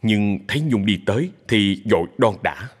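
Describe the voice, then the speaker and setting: A low, husky man's voice narrates a dramatic tale, rising and falling with a lively melody. A long reverb hangs behind him. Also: moderate pace. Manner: steady, expressive storyteller.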